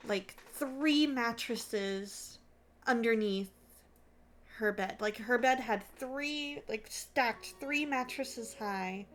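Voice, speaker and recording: High-voiced, unhurried woman reacting casually. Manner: musing aloud, expressive. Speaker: host. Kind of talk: casual live reaction commentary.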